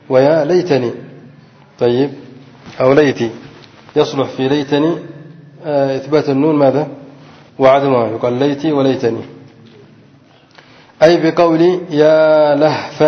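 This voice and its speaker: A man teaching a grammar lesson who keeps pausing to have his students fill in words. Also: mid-range voice. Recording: dull lo-fi recording with long reverb.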